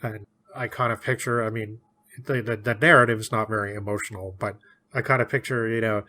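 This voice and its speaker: A man's voice: on the low side, steady tone, sharp tone. A man co-hosting a podcast, chatting casually about a book, laughing often. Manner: chatty, laughs often, puts on quick voices for characters. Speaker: podcast co-host.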